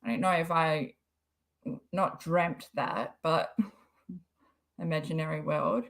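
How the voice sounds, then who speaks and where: A woman's voice: deep voice, slow, creaky. Chatty Australian woman, sarcastic. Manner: chatty, sarcastic, laughs often. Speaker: livestream host. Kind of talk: casual live commentary.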